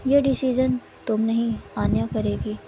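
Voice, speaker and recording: A woman's voice: on the high side, steady tone, dull audio, background noise, lightly acted. A woman reading a cool, teasing rival. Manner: soft, cool and unhurried. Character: calm, teasing young woman rival on a phone call.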